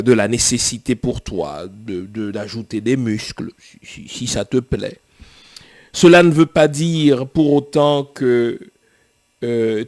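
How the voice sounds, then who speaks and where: Man, pastor, slow, lively intonation, emphatic, rhetorical questions. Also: medium pitch. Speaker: pastor and theologian hosting a show. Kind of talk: sermon-like talk to viewers.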